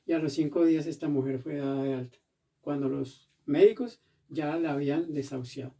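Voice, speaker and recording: A man preaching a sermon as pastor in a church, animated and acting out the voices he quotes. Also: a little high, a little fast, vocal fry, recorded from a distance.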